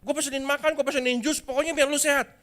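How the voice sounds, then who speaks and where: A man voicing an excitable young male student who bosses his friend around loudly. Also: very high-pitched, rapid-fire, voice pushed up. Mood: overeager. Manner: loud, overeager, bossing his friend around.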